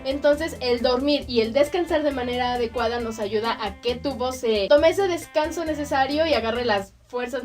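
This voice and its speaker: High-voiced Mexican woman teaching voice. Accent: Mexican Spanish. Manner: expressive, counts off points with clear diction. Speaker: acting voice instructor. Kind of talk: explanatory lesson to camera.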